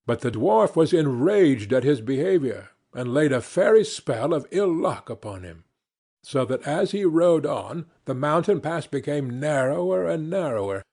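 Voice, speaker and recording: In a fairly high-pitched voice, a man narrates a fairy tale as an audiobook reader, telling it expressively at a measured pace.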